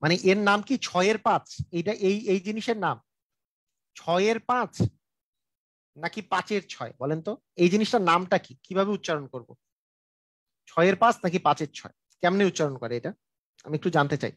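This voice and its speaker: High-pitched man drilling a math lesson. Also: moderate pace, pauses often, dry recording. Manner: repetitive, drilling explanations with frequent check-ins; colloquial, speaks directly to viewers. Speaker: math teacher. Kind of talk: live online math lesson.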